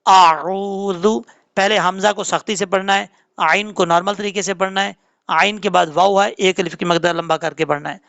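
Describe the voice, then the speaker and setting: A man teaching Quran recitation rules in a tajweed lesson, spelling out letters and then reciting them slowly and drawn out. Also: sits high, fairly even intonation, gravelly, a bit bright, no room sound. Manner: patient, drawn-out chanted recitation between quick explanations.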